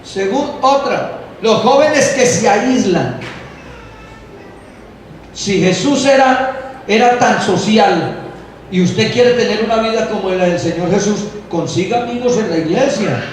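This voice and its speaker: A man preaching a lively sermon to a congregation in a church hall, playfully mimicking the excuses of young people. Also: high-pitched, a little slow, long pauses. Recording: very echoey hall, voice from far off, faint noise.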